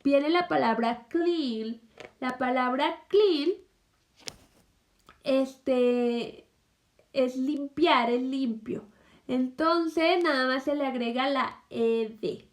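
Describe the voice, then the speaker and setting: Lady teacher, high voice, super slow patient explaining to kids. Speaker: primary school English teacher. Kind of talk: recorded online lesson.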